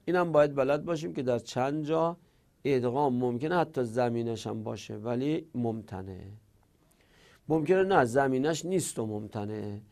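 Guy teaching a class, kinda gravelly, goes slow over examples, asks himself questions. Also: mid-range voice, darkish tone. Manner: patient, repeats examples slowly and asks rhetorical questions. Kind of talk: classroom lecture.

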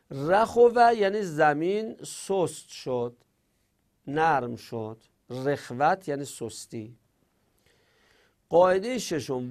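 A man's voice: on the high side, creaky, a little mellow. A man teaching a grammar lesson to a class, explaining each rule step by step and answering objections he imagines his students raising.

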